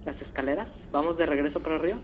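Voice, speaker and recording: A man's voice: fairly high pitch, very fast, a little hiss or hum. Playful man narrating a game. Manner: playful, joking, yelps and squeals in panic. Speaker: let's play gamer. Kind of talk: casual gameplay commentary. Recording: dull lo-fi recording over game music.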